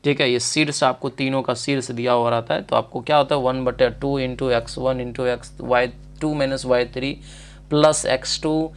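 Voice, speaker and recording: With a medium-pitched, steady voice at normal speed, a man speaking with a Bihari Hindi accent leads an exam question walkthrough lesson. He teaches step by step, frequently pausing to confirm that listeners understand, and there is a little hiss or hum in the recording.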